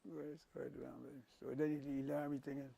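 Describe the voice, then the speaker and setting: This older calypso singer talks fast in a medium-pitched voice that's gravelly and slightly rough. Appearing as an interview guest, he spins rambling, animated stories, casually restarting them again and again.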